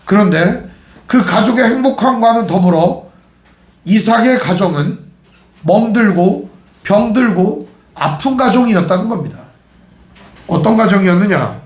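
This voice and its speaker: A man's voice: high-pitched, expressive, a little slow, pauses often, reverberant. A male pastor giving a sermon, telling family stories with humorous asides. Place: church sanctuary.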